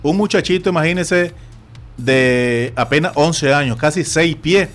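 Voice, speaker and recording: A man with a Nicaraguan Spanish accent hosting a sports radio talk show, telling stories in an animated way and acting out other people's voices. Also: fairly high pitch, a little slow. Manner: animated storytelling, acts out quoted voices. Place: radio studio.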